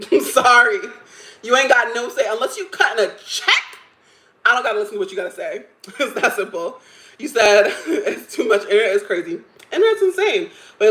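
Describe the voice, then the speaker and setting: A woman's voice: on the high side, fairly bright tone, roomy sound, rough recording. A woman in her thirties hosting a livestream, chatting casually and giving strong opinions with frequent laughs. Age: 30s. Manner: chatty, opinionated, laughs often, many "like" fillers. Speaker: livestream host. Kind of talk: casual chat reacting to stories and chat comments.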